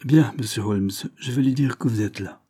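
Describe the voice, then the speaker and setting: A man's voice: mid-range voice, normal speed, warm tone, husky, no room sound, studio quality, lightly acted. A man voicing a reserved, nervous male secretary who speaks courteously in an audiobook reading. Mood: polite.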